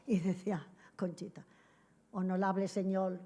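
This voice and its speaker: A woman's voice: mid-range voice, little pitch movement, measured pace, warm tone. An older woman being interviewed, telling long, rambling anecdotes, often laughing and acting out bits of dialogue as she goes. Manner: rambling, digressive storytelling with frequent laughs; acts out quoted dialogue.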